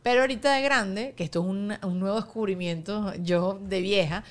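A woman hosts a relaxed podcast conversation in a mid-range voice. She speaks candidly, thinking out loud about her own habits. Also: medium pitch, moderate pace. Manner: candid and reflective, musing aloud. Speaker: podcast host. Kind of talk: casual chat.

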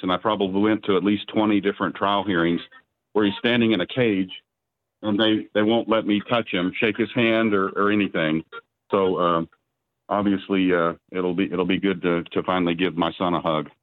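Halting, very deep-voiced man on a phone line. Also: steady tone. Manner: halting, many restarts and fillers. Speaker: father of a freed prisoner, guest. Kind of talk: remote news interview. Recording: dry tinny phone line.

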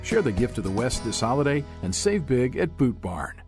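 A male announcer delivers a holiday sale ad with a lively, swinging pitch. His mid-range voice sits over clear guitar music. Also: moderate pace. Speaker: advertising announcer. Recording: music behind the voice. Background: prominent guitar music.

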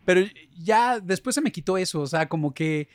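A man with a Mexico City accent chats as a podcast guest, telling easygoing stories with filler words. His voice sits a bit higher than most men's. The recording is dry and close. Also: moderate pace, no room sound. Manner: relaxed storytelling with fillers. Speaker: singer-songwriter guest. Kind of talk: casual chat.

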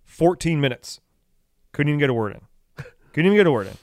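A man hosting a casual podcast, animated and ranting, laughing as he acts out exchanges with people. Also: on the high side, brisk, no echo, clean studio sound. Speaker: podcast host.

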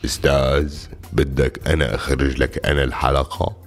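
A man playing a pushy, gravelly clothes seller with a Syrian Arabic accent and insistent patter in a comic radio sketch. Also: very deep voice, fairly even intonation, a little fast, exaggerated voice. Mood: insistent selling. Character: pushy male clothes seller peddling political outfits.

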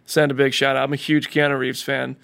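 A man's voice: mid-range voice, little pitch movement, a little fast, creaky, a bit bright, clear, resonant tone. A man co-hosting a casual chat show, talking animatedly and getting worked up and indignant. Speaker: podcast co-host. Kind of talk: casual chat, raves and rants.

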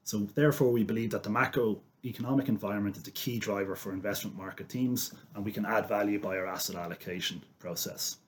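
A man giving measured, formal explanations as an investment expert on a finance podcast. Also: fairly low pitch, fairly even intonation.

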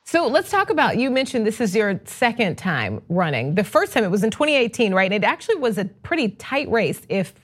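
A woman's voice: on the high side, very animated, fairly quick, few pauses, slightly rough. Upbeat woman hosting a political interview. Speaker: fill-in show host.

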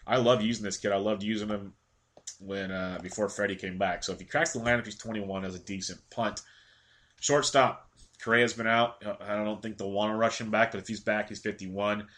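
A man's voice: on the low side, fairly even intonation, a bit bright. A congested man running through daily fantasy baseball picks in a casual rundown, reeling off stats and slipping into a rant. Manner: quick stat-heavy delivery, ranting at times.

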